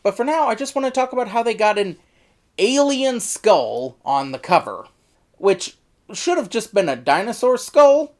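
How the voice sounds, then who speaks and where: A woman's voice: on the high side, moderate pace. A woman reviewing an audio drama in a chatty, scripted monologue, correcting herself as she goes. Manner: chatty, self-correcting, animated emphasis.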